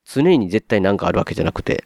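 A man with a Kansai Japanese accent chats casually as a podcast co-host. He tells his stories in a lively way, acting out his own startled reactions, and his pitch rises and falls widely. His lowish voice sounds dry and close to the mic. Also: fast talker, vocal fry, dry recording.

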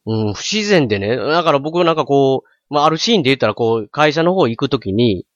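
A man in his forties with an Osaka accent, telling stories in casual chat, animated and full of sound effects. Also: medium pitch, a little fast, dry recording, muffled recording. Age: 40s.

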